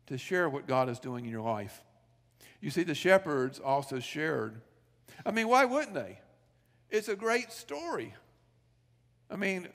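High-voiced pastor in a reverberant church. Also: male voice, fairly bright tone. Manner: storytelling, rhetorical questions, acts out quoted dialogue. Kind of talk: sermon. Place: church sanctuary. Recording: long reverb of a church sanctuary.

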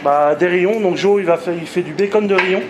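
A man's voice: high voice, a little fast, background noise. A man in his thirties, a chef, casually explaining his food with many hesitations. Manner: relaxed, hesitant with many "euh".

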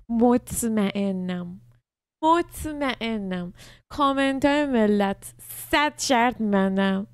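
A woman's voice: on the high side, vocal fry, darkish tone, no room sound, clean studio sound. A young woman streamer reacting to a video in casual commentary, blunt and incredulous, swearing freely.

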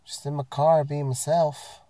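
This vlogger's voice is fairly high and mellow, flat in delivery and unhurried, captured in a dry recording. He's getting sick and rants casually to camera from his parked car about his work week, profanely, ramblingly, and with self-mockery.

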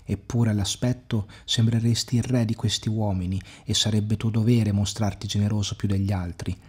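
A husky-voiced man voicing an old king disguised as a beggar, speaking with dignified restraint. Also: fairly low pitch, flat delivery, moderate pace, darkish tone. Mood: pleading. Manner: pleading, then cold and commanding.

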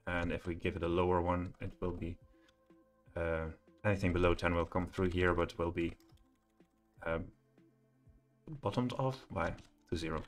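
A middle-aged man with a deep, low voice talks through a live coding session from his home office. He thinks aloud, pausing often with ums and uhs. Faint music and keyboard clatter sit behind him. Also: steady tone. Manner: thinking aloud, hesitant with many fillers. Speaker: programming tutor.

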